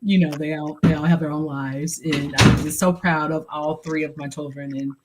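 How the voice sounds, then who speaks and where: A middle-aged woman hosting a podcast, talking casually and reflectively with frequent pauses and fillers. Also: low-pitched, fairly even intonation, heavy background noise. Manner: reflective, pauses with many ums and you-knows. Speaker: podcast host. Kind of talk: casual chat.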